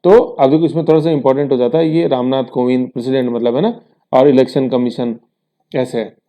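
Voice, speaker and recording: A man's voice: medium pitch, fairly even intonation, brisk, dark tone. A man teaching an exam-prep lesson in a conversational way, with rhetorical asides to his students and English terms mixed in.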